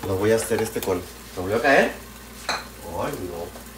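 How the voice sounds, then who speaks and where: A man's voice: fairly low pitch, expressive, measured pace. A man with a Mexican accent chatting casually with livestream viewers, calling them pet names and using slang while he cooks in a home kitchen at night. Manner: chatty and affectionate, greets viewers by name, slangy. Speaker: live streamer. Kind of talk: casual cooking livestream chat. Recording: kitchen noise behind the voice. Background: frying, pots and dishes clattering.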